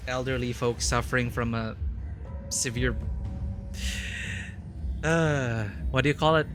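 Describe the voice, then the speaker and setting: A man hosting a game playthrough, mixing casual, expressive reactions with dramatic reading of text. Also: mid-range voice, takes it slowly. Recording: voice over game music.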